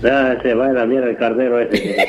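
An Argentine man calling a radio show, joking gruffly with the host. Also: mid-range voice, steady tone, a little fast, a little mellow, faint music behind. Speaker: caller. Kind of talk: phone-in banter.

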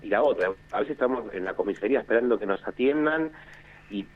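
An Argentine man, a security official phoning into a radio show, explains things in a measured way with many hesitations over a phone line that keeps breaking up. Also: lowish voice, lively intonation, faint music behind. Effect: choppy phone line that keeps cutting out.

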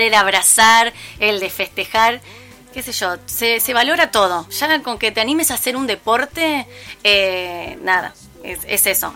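A woman's voice: medium pitch, sharp tone. A woman in her thirties with a Rioplatense Argentine accent, a physical education teacher talking in a casual chat, chatty with frequent fillers. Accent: Rioplatense Spanish. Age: 30s. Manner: chatty, restarts and fillers often.

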